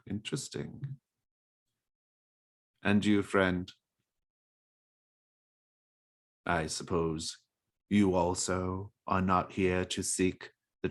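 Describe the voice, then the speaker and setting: A man playing a gruff, sly old fisherman in a tabletop game, questioning strangers in a knowing, needling way. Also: deep voice, steady tone, slow pace, long pauses. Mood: probing, suspicious.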